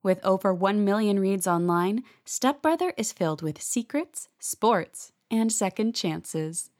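A woman reading a scripted promotional introduction in a smooth, inviting tone. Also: mid-range voice, animated, measured pace, a little mellow. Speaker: announcer.

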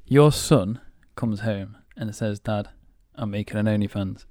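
A man's voice: on the low side, unhurried, a little mellow, no echo. A young man co-hosting a casual podcast, teasing and slangy, laughing often. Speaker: podcast co-host. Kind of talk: casual chat.

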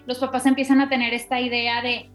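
A woman talks through parenting ideas in a casual, steady way, piling up example after example. Her voice sits a little high. Soft music plays faintly underneath. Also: a little fast. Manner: explains steadily with many examples. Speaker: parenting podcast co-host. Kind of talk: casual explanatory chat.

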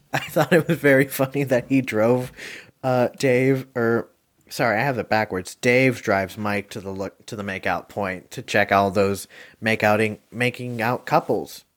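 Unhurried and steady in tone, a medium-pitched male podcast host reviews movies casually. His delivery is hesitant and meandering, packed with "um" and "like," broken up by occasional chuckles.

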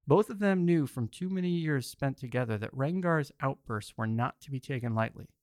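A man's voice: medium pitch, moderate pace, a little mellow, no room sound, clean studio sound. A man hosting and narrating an audio story collection in a theatrical storyteller manner. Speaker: host and narrator.

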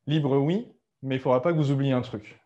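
A man talking casually to his audience as a business coach, mid-pitched and easygoing. He backtracks and fixes his words as he goes. The sound is a little dull and lo-fi. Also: brisk, warm tone. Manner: conversational, many fillers and self-corrections. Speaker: entrepreneurship coach. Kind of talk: casual explanatory talk to camera.

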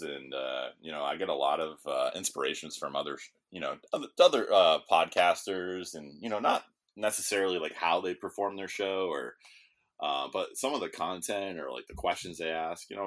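A man's voice: low-pitched, animated, fairly quick. A man hosting a podcast in casual chat, rambling and swearing as he restarts his sentences. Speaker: podcast host. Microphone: studio microphone.

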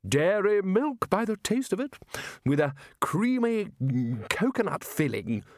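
A man voicing a loud, blustering head wizard who roars his lines. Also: very animated, a little slow, no echo, studio quality. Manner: roaring, booming. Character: blustering hearty male Archchancellor wizard, loud.

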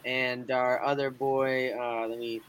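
A man's voice: mid-range voice, flat delivery, takes it slowly, a loud crowd. A young man hosting a sports podcast casually, with slangy frat-bro enthusiasm. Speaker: podcast host. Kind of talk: casual hosting and live reaction.

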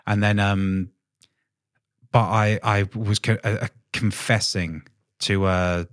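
A podcast host who works as a tattooer speaks slowly in a very low voice, rambling, restarting and swearing casually through a relaxed chat. The recording is dry and close, with no room around it.

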